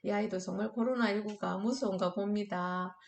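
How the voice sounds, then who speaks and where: Leading high schoolers through an online anti-smoking lesson with group exercises, a middle-aged woman cheerfully encourages them and gets them shouting chants and playing clapping games. Her voice is creaky with fairly even intonation, a little fast, and the sound is roomy.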